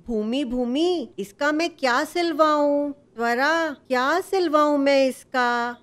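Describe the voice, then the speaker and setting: A woman's voice: high voice, slow, voice pushed up. A woman voicing a small, cheerful male mouse who pleads and boasts in a sing-song way. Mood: eager.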